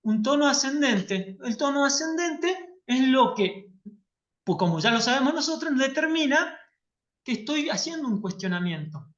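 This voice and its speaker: A woman's voice: sits high, sing-song, normal speed. A woman teaching an online class. She explains carefully and keeps checking that her students follow. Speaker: workshop teacher. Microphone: video call. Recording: lo-fi video call audio.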